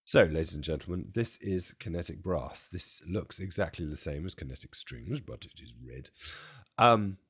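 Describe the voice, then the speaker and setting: Low-voiced man with a strained, failing voice. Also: animated, moderate pace, a bit bright, husky. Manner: chatty, self-deprecating, jokey asides. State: strained, nearly losing his voice. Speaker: music software demonstrator. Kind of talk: casual product walkthrough.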